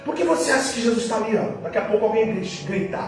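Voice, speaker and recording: Brazilian preacher, hoarse-throated, dramatic and high-pitched, miked from afar in a booming church with faint music. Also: male voice, fast talker. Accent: Brazilian Portuguese. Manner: animated, acting out scenes, jumping pitch. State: sore throat. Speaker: pastor. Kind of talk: sermon. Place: church hall. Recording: echoey hall, distant mic, faint music.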